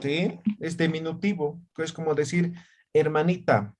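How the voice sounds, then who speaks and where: A man's voice: on the high side, steady tone, normal speed, slight background noise. A man teaching a language class on a video call, checking often that students follow. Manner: checks understanding with frequent tag questions.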